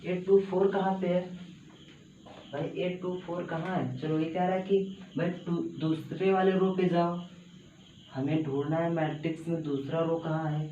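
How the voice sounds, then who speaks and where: A man walks students through a math problem at a board, repeating each step and coaxing them along. His voice sits a little high but sounds mellow. The room is echoey, and the audio is a bit dull with faint background noise. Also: steady tone, normal speed. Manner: repetitive, coaxing, says "bhai" and "hai na" often. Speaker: math teacher. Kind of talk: chalkboard math lesson. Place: classroom with a small board.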